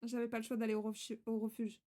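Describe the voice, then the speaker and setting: A woman's voice: fairly high pitch, monotone, fast talker, dark tone. A woman doing casual live let's play commentary as a game streamer, informal, chatty and affectionate with her viewers. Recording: faint game music behind.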